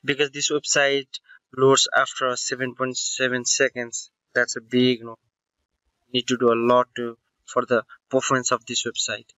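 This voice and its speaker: A man's voice: mid-range voice, completely flat delivery, normal speed, sharp tone, no room sound, lo-fi sound. A man narrating a screen-recording tech tutorial, explaining step by step with fillers and self-corrections.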